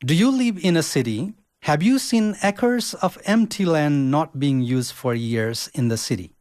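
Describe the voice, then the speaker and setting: A young man from Nepal reads a podcast script in a careful, measured way, his voice a little higher than most men's. The recording is dry and close, with almost no room sound around him. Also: expressive, darkish tone, no room sound. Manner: careful, measured reading with list-like phrasing. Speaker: social work student podcaster.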